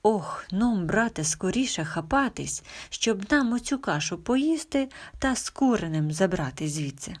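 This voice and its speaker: A woman voicing a bold, clever male goat in a storybook tale, hurried and half-whispered. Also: medium pitch, animated. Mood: urgent.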